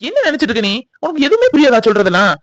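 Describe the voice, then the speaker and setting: A man's voice: extremely high pitch, sing-song, very fast, fairly bright tone, a little hiss or hum, full character voice. A young man voicing a harried, guilty young husband who stammers and frets, on slightly dull audio. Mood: irritated. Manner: flustered, stammering.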